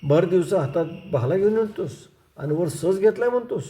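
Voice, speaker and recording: A man voicing a domineering village strongman with a whip, who shouts threats in rough rustic speech. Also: high voice, animated, moderate pace, voice pushed up. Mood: mocking, stern.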